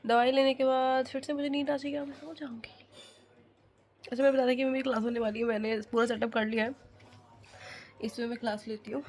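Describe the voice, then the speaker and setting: A young woman, sick with a blocked nose, chatting casually in a home vlog and scolding loudly at times. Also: high-pitched, little pitch movement, brisk, long pauses. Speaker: vlogger. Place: at home, indoors.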